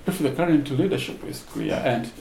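A man giving an unscripted, thoughtful seminar answer in a hesitant, halting way, with a gravelly voice. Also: medium pitch, darkish tone. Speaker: panel speaker. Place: seminar room. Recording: roomy echo, faint background noise.

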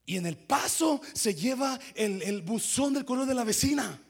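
A middle-aged man, a pastor, telling a story in a sermon with lively sound effects and English phrases mixed in. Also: very high voice, normal speed, creaky, slightly rough.

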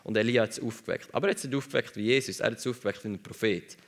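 A male preacher delivers a sermon in a gravelly, middle-pitched voice. He speaks with emphasis and drives points home by repeating his phrases. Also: racing.

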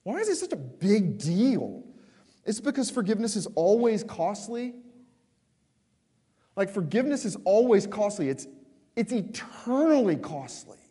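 Emphatic preacher, warm voice, long reverb. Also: male voice, high-pitched, sing-song, breathy edge. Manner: impassioned, emphatic, swings between slow stresses and quick asides. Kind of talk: sermon.

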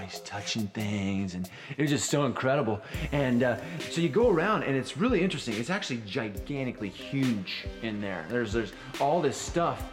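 A man telling a rambling, improvised story in a casual way, with filler words. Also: fairly low pitch. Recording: roomy echo, faint music.

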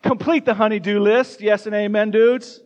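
A man preaching a sermon in a church, talking energetically and speaking straight to the kids and the congregation. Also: high voice. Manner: energetic, addresses kids and congregation directly, quick bursts. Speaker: pastor. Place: church sanctuary.

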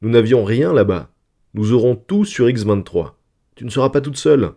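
A man's voice: medium pitch, expressive, moderate pace, creaky, mellow. A man voicing a cheerful, confident father in a hearty, emphatic reassuring delivery.

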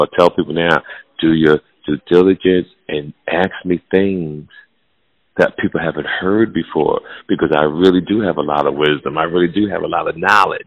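A man in his forties with an extremely deep voice speaks as a guest in a loose podcast chat. His talk is blunt and profane, addressing the listener as "fam", and he sinks into a low murmur on painful points. The sound is thin and narrow, as if over a phone line. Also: dry recording. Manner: drops to a hushed, low murmur when telling something painful.

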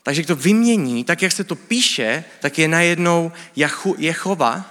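A man's voice: a little high, animated, fairly bright tone. A man giving a sermon, explaining things in a casual, teaching way with colloquial speech. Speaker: preacher. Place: church hall. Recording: church hall with long reverb.

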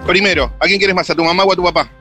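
A man with a Rioplatense Spanish accent rattles off quick questions to strangers at a bus stop. His voice is bright and a little high, and he talks fast. Faint music runs underneath. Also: steady tone. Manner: quick, upbeat street interviewing. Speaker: radio show street reporter. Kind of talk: live phone report from the street.

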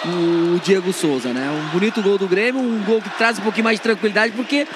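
A man giving halting, unscripted match analysis as a football pundit. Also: high-pitched. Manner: halting, keeps tagging phrases for agreement. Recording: noisy live stadium broadcast.

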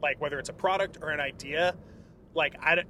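A podcast guest from California chats casually from inside a car, with road and traffic noise behind him. He's an eager, enthusiastic man who rambles and leans on fillers, speaking quickly in a slightly high, pushed, bright voice.

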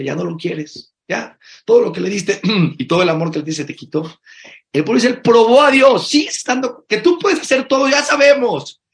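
Gravelly male rabbi, Torah sermon, emphatic, soft asides and loud bursts, Hebrew phrases mixed in. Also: sits high. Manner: mixes Hebrew phrases into Spanish teaching.

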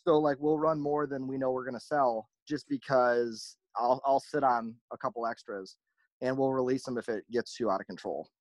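A man's voice: medium pitch, normal speed, no echo. A man who runs a merchandise brand, telling stories in a casual interview and acting out the back-and-forth. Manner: animated, acts out quoted exchanges.

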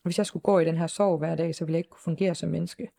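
A woman's voice: lowish voice, fairly even intonation, creaky, mellow. A woman in an interview telling her own story, hesitant and circling with many fillers, yet composed and matter-of-fact. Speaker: interviewed mother. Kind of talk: personal interview account.

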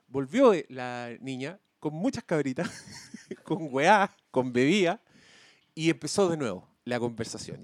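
A man with a Chilean accent telling an animated, slangy story among podcast co-hosts, swearing freely. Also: a little high, no room sound, studio quality. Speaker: podcast co-host. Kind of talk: casual storytelling chat.

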